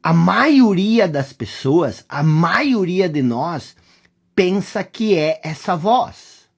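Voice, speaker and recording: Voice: mid-range voice, expressive, extremely slow, creaky, slightly rough. A teacher with a Brazilian accent gives a reflective lesson, addressing the listener directly and repeating rhetorical questions. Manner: speaks directly to the listener, sometimes dropping to a hush. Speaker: course teacher.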